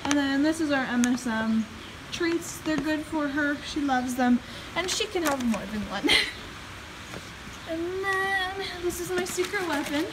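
A woman's voice: high voice, unhurried. A young woman chatting casually to her viewers as she films herself on a phone, laughing often. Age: young adult. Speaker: vlogger. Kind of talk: casual vlog. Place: horse barn, partly outdoors in rain. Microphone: phone camera held at arm's length. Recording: phone audio with barn noise.

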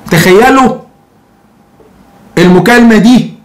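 A man's voice: sits high, a little slow. A man in his thirties with an Egyptian accent, giving opinionated football commentary to camera in a sarcastic, mocking way with rhetorical questions. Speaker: football fan commentator and host.

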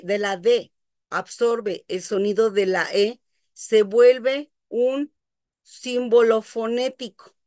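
A woman's voice: on the high side, a little mellow, no echo, clean studio sound. A woman teaching English pronunciation, explaining patiently and checking that her students follow.

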